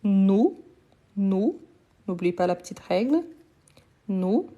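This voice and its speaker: Slow, mellow-voiced woman teaching French. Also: mid-range voice, big pitch swings, muffled recording. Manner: slow, patient, repeats words and praises learners. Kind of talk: live online conjugation lesson.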